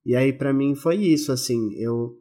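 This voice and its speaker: Husky-voiced man in podcast chat. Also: mid-range voice, a little slow, mellow. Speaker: podcast co-host. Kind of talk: casual music chat.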